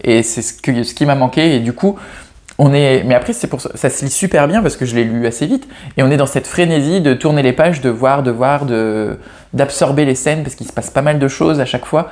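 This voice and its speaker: This book reviewer has a mid-range, slightly mellow voice and speaks at a fairly quick clip. He chats casually about novels, poking fun at himself, hesitating, and often starting sentences over or fixing what he just said.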